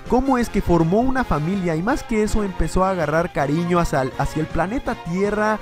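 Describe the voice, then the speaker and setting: A man hosting a reaction video, reading a fan comic aloud and acting out the characters' lines with shouts. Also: high-pitched, brisk, music in the background. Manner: animated, acts out characters' lines with loud yells.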